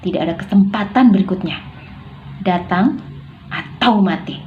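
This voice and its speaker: A woman's voice: mid-range voice, normal speed, dull audio, a little hiss or hum, lightly acted. A woman reading aloud as a menacing older man who threatens a young man, stern and emphatic. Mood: threatening.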